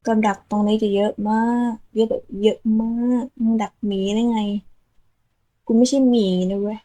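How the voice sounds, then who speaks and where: A young woman gives loose, crude let's-play commentary, full of sudden yelps and exclamations. Her voice sits fairly high but has a mellow, soft tone. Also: little pitch movement, moderate pace, rough recording. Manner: crude slang, frequent exclamations. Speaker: game streamer.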